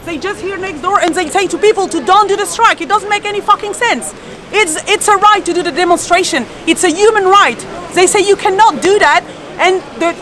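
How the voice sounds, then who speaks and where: A woman from Paris, speaking English at an outdoor street protest, indignant and swearing heavily. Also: extremely high pitch. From Paris, France. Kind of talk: street interview. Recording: street protest with a crowd behind.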